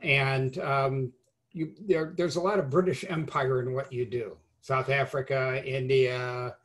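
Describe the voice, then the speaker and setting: A man's voice: medium pitch, little pitch movement, unhurried, a bit bright. A man hosting an interview, asking questions in a chatty way and dropping in short reactions. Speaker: interviewer host. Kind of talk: conversational interview.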